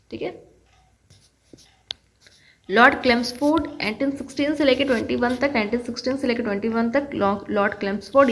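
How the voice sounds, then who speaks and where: A woman's voice: fairly high pitch, low-quality recording. Chatty woman teaching history. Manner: chatty, repeats key words, asks and answers own questions. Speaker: exam-prep history teacher. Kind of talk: online lesson with memory tricks.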